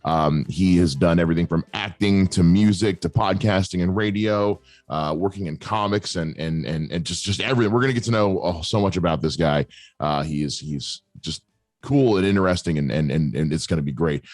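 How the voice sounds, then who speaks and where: A man's voice: deep voice, a little fast, darkish tone, dry recording. A man hosting a podcast, joking and rambling, often stumbling and restarting his sentences. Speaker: podcast host. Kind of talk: casual podcast chat.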